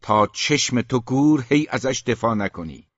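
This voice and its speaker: A man reading an audiobook voices a gruff, scornful middle-aged father who mocks and growls. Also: lowish voice, lively intonation, fairly bright tone, no echo. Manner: mocking, growling. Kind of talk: audiobook character voice. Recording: dull, muffled dry recording.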